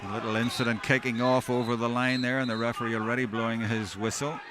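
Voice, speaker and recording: A man giving live hurling commentary, describing play in measured running observations. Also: medium pitch, level tone. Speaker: sports commentator. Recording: outdoor stand, loud crowd noise behind. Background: crowd noise at outdoor match.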